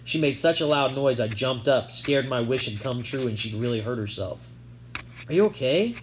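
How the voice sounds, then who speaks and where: A man narrating a first-person novel chapter aloud in a steady, plain storytelling manner. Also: medium pitch, normal speed, a little hiss or hum. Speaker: audiobook narrator.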